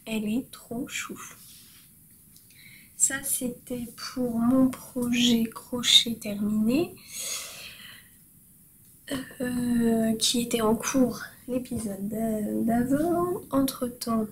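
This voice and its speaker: A woman with a somewhat high voice talks slowly through her crafts, pausing often on fillers. She sounds cheerful and pokes fun at herself. Faint room noise sits under her voice. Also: low-quality recording. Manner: hesitant, with frequent fillers; cheerful and self-mocking. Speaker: host of a crafting podcast. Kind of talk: casual show-and-tell chat.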